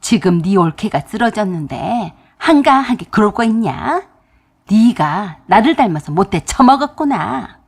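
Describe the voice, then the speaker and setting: A woman voicing a furious elderly father-in-law who scolds his children in a harsh, shouting voice for a radio drama. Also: fairly low pitch, normal speed, slightly rough, voice pushed down. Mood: scolding.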